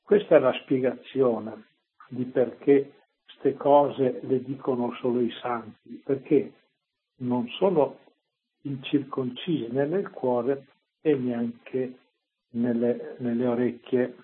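Preacher guy on the radio, slow and husky, keeps asking rhetorical stuff, tinny phone sound. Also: medium pitch. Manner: earnest, exhorting, rhetorical questions. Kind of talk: radio sermon.

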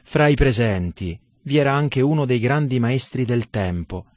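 A man reading a devotional sermon in a solemn, measured and emphatic manner. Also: medium pitch, lively intonation, dry recording. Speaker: religious narrator.

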